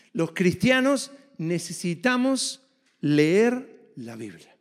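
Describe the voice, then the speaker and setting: Male pastor, high voice, emphatic sermon delivery, long echo of a big hall. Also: big pitch swings, extremely slow. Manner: emphatic, asks the audience rhetorical questions. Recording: reverberant hall.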